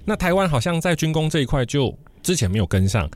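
A man's voice: a little high, very animated, fast, a little mellow. A man with a Taiwanese accent co-hosting a stock market show in a conversational style.

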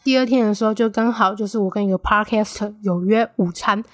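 Young Taiwanese woman podcaster, casual storyteller, mid-pitched, dead-dry close mic. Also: fairly quick, dry recording. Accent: Taiwanese Mandarin. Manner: chatty, animated when quoting friends. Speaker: podcast host.

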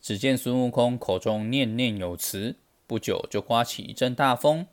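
Casting: a father in his thirties telling a bedtime story, lively and expressive, at a mid pitch. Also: moderate pace. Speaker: storyteller, parent. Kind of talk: reading a children's story aloud.

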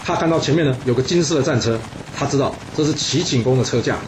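A man's voice: medium pitch, fast talker, noisy background. Chatty man telling history. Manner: chatty, teasing asides, many filler particles. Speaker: storyteller. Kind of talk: casual history storytelling.

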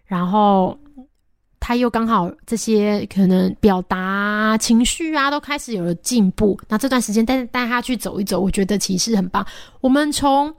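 A young woman talks through a story in a relaxed, meandering way, full of fillers and little asides. Her voice sits at an ordinary middle pitch for a woman. It is recorded close and dry, with no room sound around it. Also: moderate pace, no room sound. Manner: chatty, many fillers and soft asides. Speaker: podcast host. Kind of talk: casual storytelling monologue.

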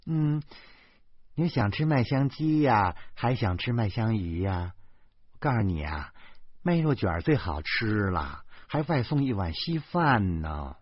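A man reading a storybook, voicing an anxious, quick-tempered wife in a raised voice. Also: on the low side, sing-song, no echo, muffled recording. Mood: excited.

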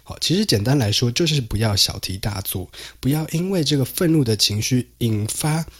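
A man's voice: medium pitch, lively intonation, moderate pace, slightly rough. A man hosting a solo podcast, explaining and summarizing research in a conversational way, with frequent fillers and some English terms mixed in. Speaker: podcast host.

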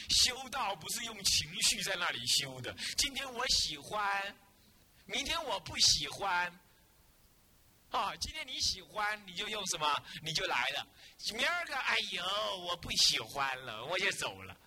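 Buddhist abbot, male, lecturing and scolding students, bright piercing tone, lively teasing delivery. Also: high voice, a little slow. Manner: scolding, teasing, full of rhetorical questions.

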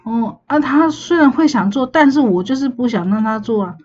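A woman's voice: a little high, expressive, moderate pace, darkish tone, voice pushed up. A woman putting on a nosy gossiping auntie. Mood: complaining. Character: nosy gossiping middle-aged woman neighbor. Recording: slightly muffled with faint hiss.

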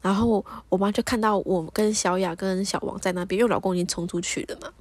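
A woman with a mid-range voice hosts a podcast, casually recounting a dream at a quick pace and acting out the dialogue with animation. The recording has no echo.

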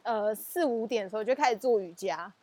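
A woman's voice: a little high, brisk, dry recording. A woman with a Taiwanese Mandarin accent co-hosting a podcast in casual chat. She talks animatedly and laughs often. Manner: animated, laughs often, acts out family scenes. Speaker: podcast co-host.

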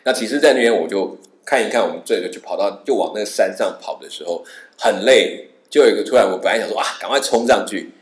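A man with a low voice tells a travel story in casual chat. He talks fast and his pitch swings a lot as he acts out the people in it. The room around him sounds echoey. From Taiwan. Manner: animated, acts out the people in his stories with a raised voice. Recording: roomy reverberant sound.

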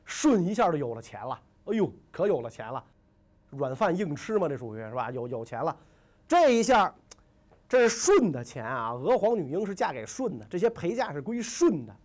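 A man's voice: on the high side, sing-song, normal speed, a little mellow. A man telling ancient history as a comic story, full of jokes and chatty asides. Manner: joking, conversational, full of asides.

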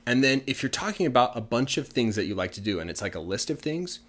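A male English teacher and native speaker talks fast in a mid-range, fairly bright voice with big swings in pitch. In a casual lesson, he patiently walks through language points in plain terms, giving lots of examples.

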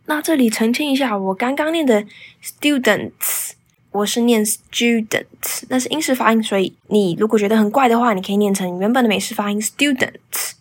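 A woman hosts a bilingual English speaking lesson. She slows down to model English pronunciation and then explains quickly. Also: on the high side, breathy edge. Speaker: English teacher and podcast host.

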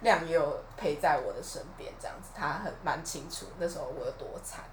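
A woman's voice: low-pitched, fast talker. Young taiwanese woman, podcast cohost, voice jumps all over, faint room hiss behind. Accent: Taiwanese Mandarin. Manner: animated storytelling, laughs often. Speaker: podcast co-host. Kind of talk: casual chat.

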